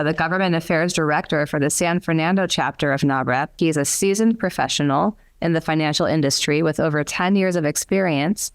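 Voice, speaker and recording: A woman moderating a symposium panel and reading out speaker introductions. Her voice is smooth and slightly low, and her delivery is polished and scripted.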